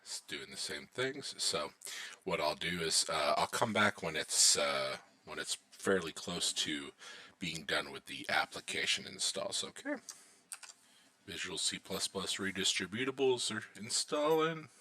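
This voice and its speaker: A man walking through a software deployment lab as an IT instructor, talking casually to viewers while he watches installs and often pausing on fillers. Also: low voice. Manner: relaxed, thinking aloud while watching installs. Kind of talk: screen-recorded tech tutorial narration.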